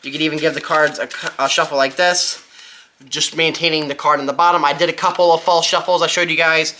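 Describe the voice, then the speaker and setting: Bright-voiced casual magic tutorial presenter, noisy recording. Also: medium pitch, steady tone, fast talker. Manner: informal, thinking aloud while counting and handling props. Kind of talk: casual step-by-step demonstration.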